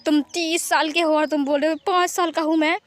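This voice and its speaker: A woman's voice: high-pitched, fairly even intonation, a little fast, lightly acted. A woman voicing an irritated, tired young husband who scolds his childlike partner, in a fan fiction reading. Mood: exasperated. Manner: exasperated, scolding.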